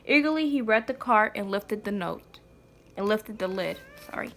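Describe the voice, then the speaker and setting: Sitting on the floor indoors, a mother and vlog host reads a children's picture book aloud informally, adding chatty asides to a small child. Her voice is mid-range, animated and fairly bright, at a normal speed, with slight background noise.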